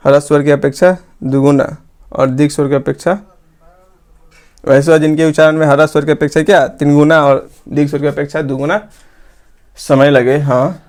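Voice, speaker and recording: A man's voice: fairly high pitch, flat delivery, darkish tone. Man dictating a grammar lesson. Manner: asks questions and answers them himself, repeats phrases slowly for dictation. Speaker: teacher. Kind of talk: classroom-style grammar lesson.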